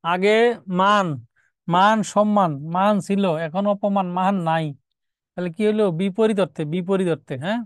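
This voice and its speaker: A man's voice: sits high, steady tone, moderate pace, smooth, no room sound, studio quality. A man teaching a live exam-prep grammar lesson, explaining step by step, repeating key words and asking rhetorical questions. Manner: reads out student names and comments.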